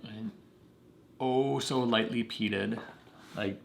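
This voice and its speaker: Man, gravelly, easygoing whiskey-tasting co-host, dry humor. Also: lowish voice, very slow, noisy background. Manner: explains history, dry jokes. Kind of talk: casual tasting chat.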